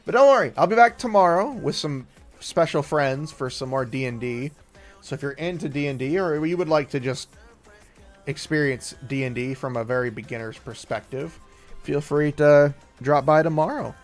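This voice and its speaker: A man's voice: on the high side, expressive, moderate pace, soft background music. A man casually chatting on a gaming stream, rambling and trailing off, sleepy and yawning. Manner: rambling, laid-back, trailing off.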